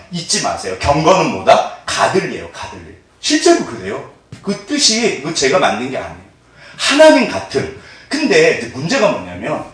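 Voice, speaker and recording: A middle-aged man preaching a sermon as pastor, quizzing the congregation and laughing often. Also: a little high. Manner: animated, asks the congregation call-and-response questions. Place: church sanctuary. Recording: echoey hall, mic at a distance.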